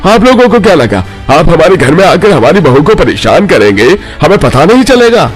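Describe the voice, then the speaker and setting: A man voicing an indignant, protective father-in-law in an animated family drama, commanding and outraged. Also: on the high side, a little fast, slightly rough, faint music behind.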